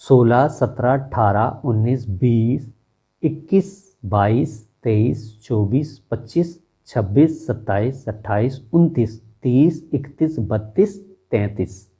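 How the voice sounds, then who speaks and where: A man's voice: medium pitch, animated, warm tone, slightly rough. A man teaching a Hindi grammar lesson, reciting letters one by one and counting them aloud. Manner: deliberate, explanatory. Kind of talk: slow classroom lesson.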